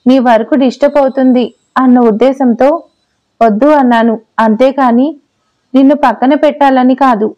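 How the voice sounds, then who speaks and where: A woman's voice: high-pitched, fairly even intonation, normal speed, warm tone, lo-fi sound, close to an everyday voice. A woman voicing a playful, teasing young wife in an audio story. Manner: teasing, pouty. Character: playful pregnant young wife, mock-sulky.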